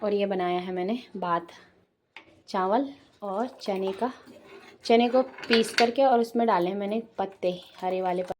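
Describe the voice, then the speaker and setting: A young woman from Garhwal, chatting fast and cheerfully to her viewers in a casual home vlog. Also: mid-range voice, background noise. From Garhwal, Uttarakhand. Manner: fast-talking, chatty, addresses viewers as guys. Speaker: vlogger.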